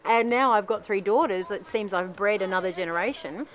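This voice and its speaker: A woman's voice: mid-range voice, brisk, fairly bright tone. A middle-aged woman, narrating her own documentary in a chatty, self-deprecating way, laughing between phrases.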